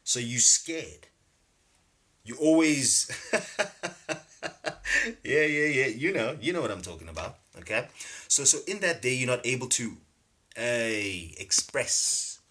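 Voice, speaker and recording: A man teaching casually on a livestream, animated, repeating words and laughing often. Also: medium pitch, moderate pace. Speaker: spiritual teacher streaming live. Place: home livestream setup.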